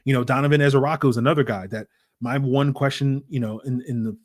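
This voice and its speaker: Man, podcast host, casual sports talk, conversational, frequent fillers, middle pitch. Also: fairly even intonation, quick pace. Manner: conversational, many fillers and restarts.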